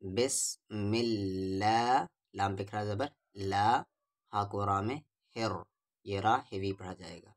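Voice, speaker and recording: A man teaching Quran reading with tajweed, spelling out syllables one at a time and then reciting each verse slowly and drawn out. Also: fairly low pitch, fairly even intonation.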